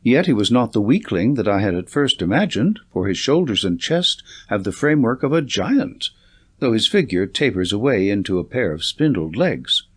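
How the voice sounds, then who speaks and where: A man voicing an earnest, observant gentleman doctor in an audiobook, descriptive and slightly poetic. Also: lowish voice, very animated, moderate pace, breathy edge. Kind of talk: audiobook character reading.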